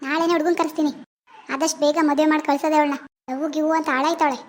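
A woman acts out a fierce village mother from in a homemade village drama. Her voice is high and shrill and she scolds at a rapid clip. She is proud and will not back down. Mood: furious. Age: middle-aged. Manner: fast, loud and scolding. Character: strict proud village mother, quick-tempered.

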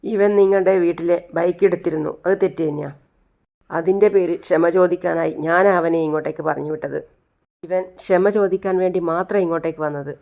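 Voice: mid-range voice, steady tone, brisk, vocal fry, darkish tone, natural voice. A narrator voicing a young woman who protests and pleads for her brother. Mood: pleading.

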